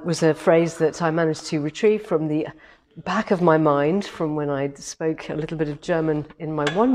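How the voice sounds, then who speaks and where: A quilting shop owner with a head cold hosts a live demo stream from a big indoor showroom full of longarm machines, chatting cheerfully and rambling with lots of ums. Her voice is low-pitched and slightly hoarse. A camera on a tripod a few metres away picks her up along with a little hiss or hum.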